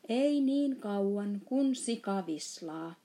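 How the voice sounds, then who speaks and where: A woman's voice: medium pitch, warm tone, lightly acted. A woman voicing a big friendly male giant in a storybook reading, playfully mangling his words. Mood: emphatic.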